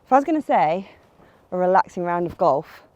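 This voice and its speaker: On the low side and a little mellow, her voice has a sing-song lilt at a fairly quick pace, recorded dull with no room sound. A young golf vlogger narrates her outdoor round in chatty, self-mocking fashion, talking through each shot as she plays.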